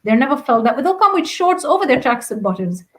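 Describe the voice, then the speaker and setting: A middle-aged woman from Kenya, a sports director speaking as a podcast guest, telling heartfelt stories in an animated way. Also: high-pitched, quick pace. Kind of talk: casual podcast conversation.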